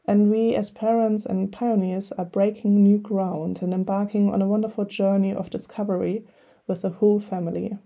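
A middle-aged woman from Germany, speaking with a German accent, reads an earnest and encouraging script as host of her podcast. Her medium-pitched voice is gravelly and mellow, with flat delivery at a moderate pace.

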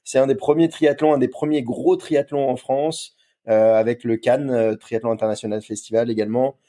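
A man's voice: medium pitch, fairly even intonation, normal speed, warm tone. A man co-hosting a podcast, talking in a rambling way and repeating words. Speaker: podcast co-host. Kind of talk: casual podcast chat.

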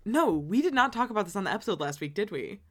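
A woman's voice: mid-range voice, sing-song, fast talker, slight background noise. Playful swearing young woman. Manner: playful, swears, laughs a lot. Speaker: podcast co-host. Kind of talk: casual chat.

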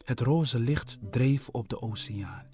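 A man's voice: medium pitch, warm tone, husky, faint music behind. A man telling a children's ghost story in a playful, storybook narration style. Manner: slow, playful, wordplay-heavy.

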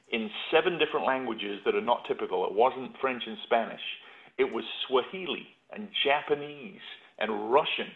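Middle-aged english guy on a phone-like line, thoughtful, restarts a lot. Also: mid-range voice. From England, North Yorkshire. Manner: reflective, with frequent restarts. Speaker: podcast guest, patent consultant. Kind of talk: casual interview talk.

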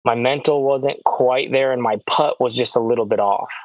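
A man and pro disc golfer, recapping his tournament in a relaxed, rambling casual chat full of "like" fillers. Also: medium pitch, moderate pace, no room sound. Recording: dull, dry lo-fi sound.

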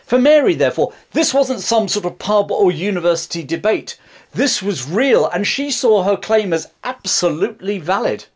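Lively man telling history. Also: high-pitched, normal speed, husky. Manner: dramatic storytelling with chatty asides. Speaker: history channel host. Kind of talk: history storytelling to camera.

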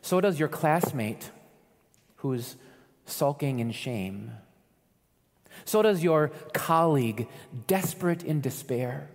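A man preaching a sermon as pastor, earnest, rising to loud calls and dropping to soft pleas. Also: on the high side, lively intonation, takes it slowly, long pauses, long reverb tail.

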